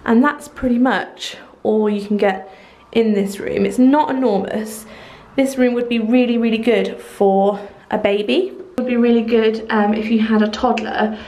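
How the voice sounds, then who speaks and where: Speaking at a medium pitch with slight background noise, a woman from England in her thirties chats warmly through a house-tour vlog. The empty house is filmed handheld at arm's length, and her talk is peppered with ums and likes.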